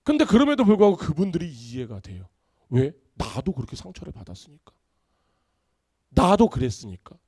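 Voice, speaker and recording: Man, pastor, lively storytelling sermon, high voice, dry sound. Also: a little fast, husky, no room sound.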